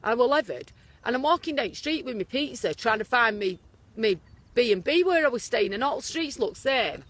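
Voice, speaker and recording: A Northern English woman with a high voice tells a rambling story during a casual chat. Her pitch swings up and down as she talks. She has a dry, teasing manner, and the chat happens outdoors on a street. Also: lively intonation, brisk, fairly bright tone.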